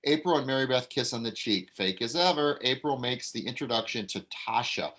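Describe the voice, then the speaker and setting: At a casual table read, a man reads the stage directions and gives notes to the actors. He speaks briskly in a mid-range voice, relaxed and casual, with fillers and self-corrections.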